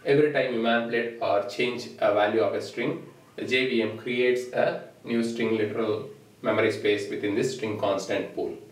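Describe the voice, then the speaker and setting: Standing at a whiteboard in a small indoor room, a man whose first language is Telugu teaches programming at a normal speed in a mid-range voice. He explains steadily and points at the board. Recorded from a distance on a camera mic, the lecture has a roomy echo.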